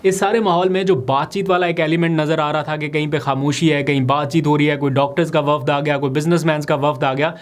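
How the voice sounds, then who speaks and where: A man's voice: a little high, flat delivery. Man giving political analysis. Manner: brisk, explanatory, analytical. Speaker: political vlogger. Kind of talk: political commentary vlog.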